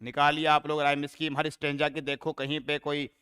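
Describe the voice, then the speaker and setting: A man's voice: a little high, monotone, a little fast, pushed and bright, clear, resonant tone. A man teaching a poetry lesson, going step by step and counting out syllables and stresses aloud.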